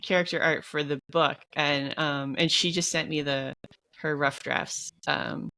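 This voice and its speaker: A woman co-hosting a podcast, talking casually with many pauses and fillers. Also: sits low, steady tone, pushed and bright. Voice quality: hesitant, filler-heavy, giggly storytelling. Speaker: podcast co-host. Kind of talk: casual chat.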